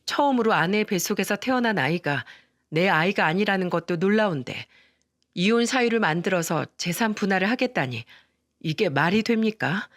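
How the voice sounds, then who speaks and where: A woman narrating a scripted story in an even, dramatic first-person telling. Her voice sits at a middle pitch, recorded close and dry. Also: moderate pace, dry recording.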